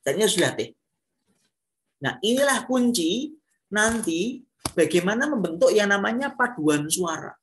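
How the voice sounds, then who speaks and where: A man's voice: high voice, a bit bright. A man giving a classroom lecture on singing, explaining step by step and posing rhetorical questions to his students. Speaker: music lecturer.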